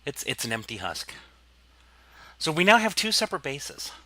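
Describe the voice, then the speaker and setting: A man's voice: fairly high pitch, very animated, normal speed, pushed and bright, no echo. A man casually commenting on his gameplay, rambling and explaining as he goes, with plenty of fillers. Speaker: let's play host.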